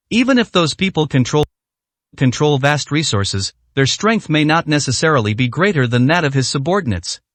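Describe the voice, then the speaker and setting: A man narrating a translated novel in a steady, plain reading style. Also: a little high, no echo. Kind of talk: storybook narration.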